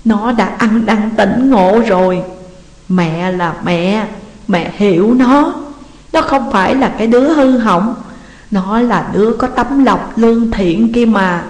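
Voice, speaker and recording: Audiobook: woman doing a distraught mother, weepy, slow and pleading; reverberant hall sound. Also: on the high side. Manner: sobbing, slow and drawn-out pleading. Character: distraught middle-aged mother, tearful and pleading. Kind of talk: audiobook reading. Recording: roomy, long hall reverb.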